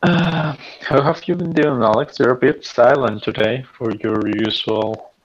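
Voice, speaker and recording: A man's voice: medium pitch, a little slow. A man chatting casually as a player in a tabletop game. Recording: dull, lo-fi voice chat.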